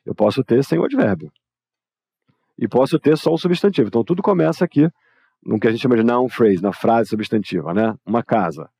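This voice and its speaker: Man, Brazilian Portuguese accent, English teacher, informal live lesson, husky, dark voice. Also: mid-range voice, expressive, brisk, no room sound. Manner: explanatory, informal, addresses students directly. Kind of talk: live online grammar lesson.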